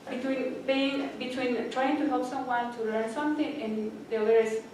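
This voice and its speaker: A woman's voice: high-pitched, steady tone, moderate pace, a little mellow, slight background noise. A woman with a non-native English accent giving an earnest, encouraging speech to fellow students in a library event room. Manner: earnest, encouraging, addresses audience directly. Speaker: student speaker. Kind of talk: inspirational speech. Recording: very echoey room from far off.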